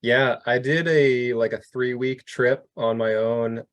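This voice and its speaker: A man co-hosting a podcast, relaxed in casual chat and quick to agree. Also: mid-range voice. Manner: easygoing, frequent short agreements. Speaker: podcast co-host.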